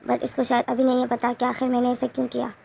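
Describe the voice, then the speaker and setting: Regretful father confessing, gravelly, flat delivery, as a woman reads his lines. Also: a little high, quick pace, slight background noise. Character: remorseful father confessing past harshness.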